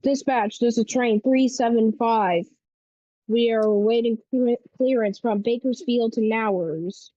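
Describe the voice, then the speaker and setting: A woman heard over a radio, calling in as a model railroad train operator and reading back clearances in crisp radio callouts. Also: fairly high pitch, measured pace, dark tone, no room sound. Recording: dull lo-fi radio sound.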